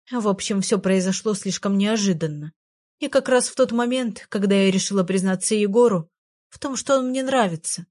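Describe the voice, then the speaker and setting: A woman narrating a children's storybook in the first person with an even storytelling delivery. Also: medium pitch. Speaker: audiobook narrator.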